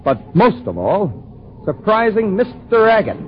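A man's voice: high-pitched, huge pitch swings, unhurried, exaggerated voice. An actor playing an earnest young sailor who narrates his voyage in old radio drama style. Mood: storytelling. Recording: muffled old radio recording, clear background noise.

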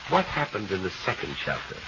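An actor playing a wisecracking, unflappable private investigator with a dry, sardonic delivery in a 1940s radio detective drama. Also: male voice, fairly low pitch, huge pitch swings, fast talker. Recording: muffled, noisy old radio recording.

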